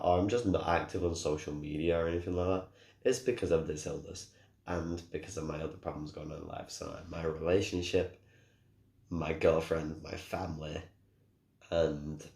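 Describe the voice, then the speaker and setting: A young man with a very deep voice, hoarse and cracking from a sore throat. He rambles casually, restarting sentences and apologizing as he goes. The sound is echoey, like a bare room. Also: darkish tone. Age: young adult. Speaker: gaming YouTuber.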